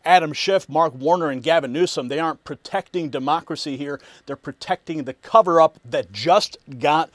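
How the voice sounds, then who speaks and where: A man's voice: on the high side, moderate pace, hardly any pauses, no room sound. A man hosting scripted political commentary in an emphatic, alarmist manner.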